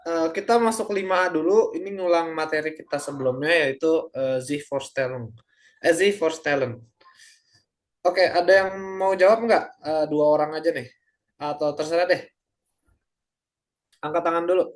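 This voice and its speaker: A man's voice: on the high side, moderate pace, long pauses. A young adult man tutoring a German class over a video call, speaking casually with lots of hesitant fillers. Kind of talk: online class teaching.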